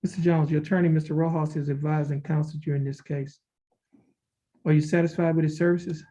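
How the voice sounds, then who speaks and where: Flat-voiced male judge in a courtroom recording. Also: on the high side. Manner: measured, formal, reading documents aloud. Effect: courtroom recording heard over a video call. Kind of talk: formal plea hearing. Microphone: video call. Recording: dull lo-fi courtroom audio with faint hiss.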